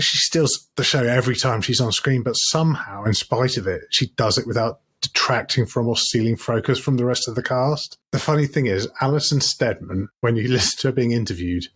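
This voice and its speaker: A man co-hosting a comedy ranking podcast, his voice fairly low and husky. He chats casually and with enthusiasm, laughing between his points. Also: fairly bright tone. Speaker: podcast co-host.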